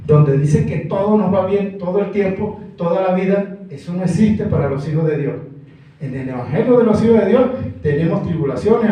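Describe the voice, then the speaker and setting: A man preaching an evangelical sermon as pastor, emphatic and animated, acting out the voices of the people he quotes. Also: sits high, highs cut off. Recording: echoey church room, mic far off.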